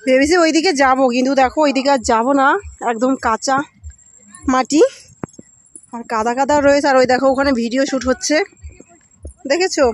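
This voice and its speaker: Strolling along a muddy riverbank outside, a young female vlogger talks directly to her audience in a chatty, casual travel-vlog style. Her voice is high-pitched and fairly quick, broken up by long pauses.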